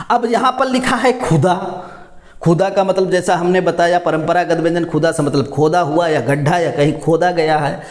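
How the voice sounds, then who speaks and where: A man teaching Hindi grammar, explaining each word slowly and answering his own questions as he goes. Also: on the high side, reverberant. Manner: repeats words, asks and answers own questions. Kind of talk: classroom explanation.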